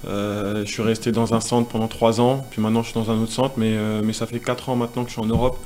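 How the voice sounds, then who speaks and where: A man in his twenties who grew up in Senegal, a tennis player answering interview questions in a relaxed, casual way. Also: on the low side, fast talker, a little hiss or hum. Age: 20s. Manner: relaxed, casual, many fillers.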